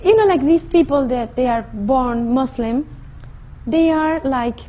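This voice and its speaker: A woman's voice: high voice, animated, measured pace, dark tone. A woman from Mexico, earnestly telling her personal story and searching for English words as she goes. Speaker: convert sharing her story. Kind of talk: personal testimony. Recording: muffled lo-fi audio.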